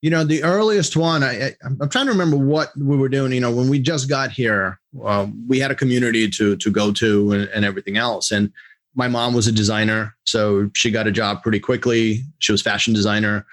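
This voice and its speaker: A Russian-raised, middle-aged executive coach speaks as a podcast guest in a mid-range voice. He responds to questions casually, hesitating often, then breaking into animated bursts.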